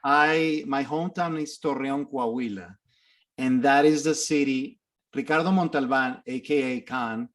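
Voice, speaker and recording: A middle-aged Mexican man, a guest actor whose first language is Spanish, speaks with a Mexican Spanish accent in a mid-range voice at a measured pace. He tells stories in a casual interview, animated and laughing, often restarting his sentences.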